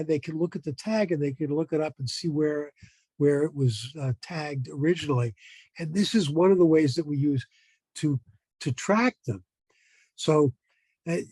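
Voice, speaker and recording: A man giving an informal educational talk as a museum presenter, explaining things in a halting way. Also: a little high, dark tone, slightly rough, no room sound.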